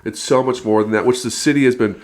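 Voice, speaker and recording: A man's voice: medium pitch, fairly even intonation, fast talker. A man in his thirties from California, a pastor talking casually and energetically on a podcast, laughing often. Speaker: guest pastor.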